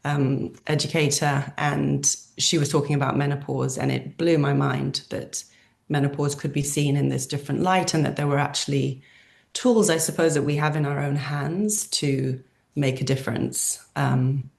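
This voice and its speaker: A woman who grew up in Zambia, hosting an interview in a gentle, hesitant way with frequent ums. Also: low voice, fairly even intonation, normal speed, creaky. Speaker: interviewer and host. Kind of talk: conversational interview.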